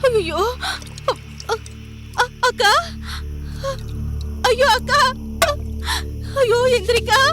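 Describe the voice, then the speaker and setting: A woman's voice: very high voice, very slow, long pauses, full character voice. An actress playing a frantic young woman who wails and begs, afraid she has killed her sister. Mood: panicked pleading. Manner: frantic wailing pleas. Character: panicky, foolish young woman, terrified of jail. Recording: TV serial audio with loud music.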